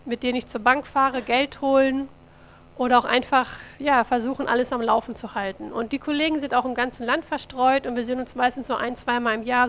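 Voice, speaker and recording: A woman from Germany presents her mission office work at church, using slides and chatting warmly with the audience. Her voice sits high and sounds a bit bright, with a little hiss or hum in the background.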